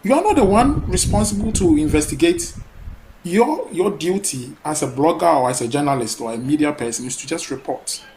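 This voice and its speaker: A man's voice: a little high, lively intonation, a little fast, darkish tone. Male caller from Ghana, hesitant and earnest, noisy line. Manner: hesitant, many fillers, earnest. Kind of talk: call-in talk.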